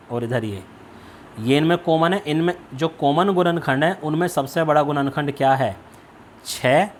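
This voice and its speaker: A man's voice: fairly high pitch, slight background noise. Man teaching a maths lesson. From India. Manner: step-by-step, asks and answers own questions. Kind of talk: worksheet lesson.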